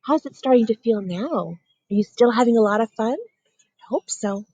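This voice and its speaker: A teacher reading a picture book aloud at home to young children, asking them gentle questions and leading a breathing exercise. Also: female voice, on the high side, animated, normal speed, breathy edge, no room sound, highs cut off.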